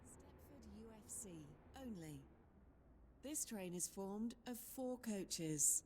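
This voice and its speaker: A woman's recorded platform announcements, built from spliced-together words with choppy phrasing and jumps in loudness. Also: medium pitch, lively intonation, slow, background noise. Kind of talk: automated station announcements.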